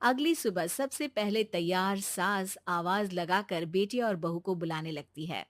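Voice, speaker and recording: A woman's voice: fairly low pitch, measured pace, no room sound. A woman narrating a scripted cartoon family story.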